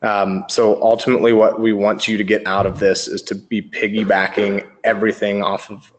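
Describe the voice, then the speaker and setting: A man walks listeners through a marketing webinar in a low voice. He speaks evenly and flatly, with frequent ums and uhs as he explains. His tone is that of a company presenter. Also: normal speed.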